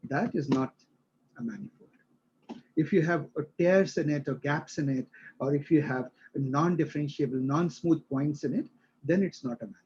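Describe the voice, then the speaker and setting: A man's voice: a little high, normal speed, a little mellow, dull audio, slight background noise. A male instructor explaining a concept to a live class, using everyday examples and often checking that students follow.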